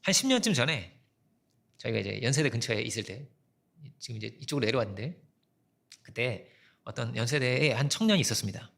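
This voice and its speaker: A man preaching a sermon as pastor, telling a story in a conversational way and dropping his voice softly when he quotes people. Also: medium pitch, lively intonation, a little fast, creaky, long pauses. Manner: conversational storytelling, quoting people and God in soft asides.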